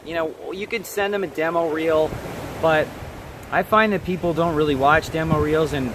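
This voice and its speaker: A man with a slightly high voice coaches aspiring actors in a direct, emphatic way, checking in with his listeners as he goes. He is recorded outdoors, with clear wind and street noise in the background. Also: moderate pace. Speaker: acting coach. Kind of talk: advice monologue to camera.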